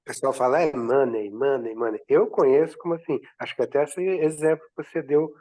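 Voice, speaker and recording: Mellow-voiced man student on a call. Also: fairly high pitch, fast talker. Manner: informal, offers an example. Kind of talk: casual remarks in a class.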